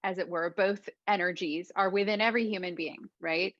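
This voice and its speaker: A woman's voice: fairly low pitch, steady tone, moderate pace, a bit bright, dry recording, muffled recording. A woman hosting a conversation as a coach, explaining things in an affirming way. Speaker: podcast host and dating coach.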